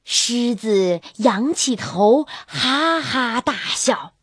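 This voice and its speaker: A woman storyteller reading a children's storybook in an animated, sing-song, expressive way. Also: fairly high pitch, drawn-out words, breathy edge, no echo, clean studio sound.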